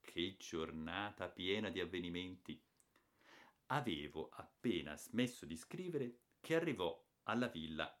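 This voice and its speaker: A man reading a children's novel aloud as an expressive audiobook narrator. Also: deep voice. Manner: expressive, lively storytelling.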